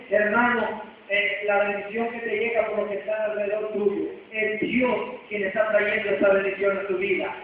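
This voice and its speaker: A man preaching a sermon, putting questions to the congregation and acting out the voices of the people in the story. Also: high-pitched. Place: church hall. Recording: far-off echoey hall, tinny and hissy.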